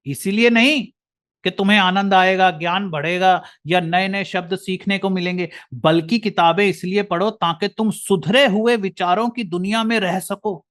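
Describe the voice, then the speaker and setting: A man's voice: high voice, normal speed, a bit bright. A man with an Indian accent giving an earnest lecture, often calling the listener brother. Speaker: motivational speaker.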